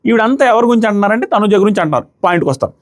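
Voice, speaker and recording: A man's voice: high voice, lively intonation, very fast. A young man reviewing a reality show, giving emphatic, argumentative commentary and hammering the same points again and again. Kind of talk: opinionated commentary.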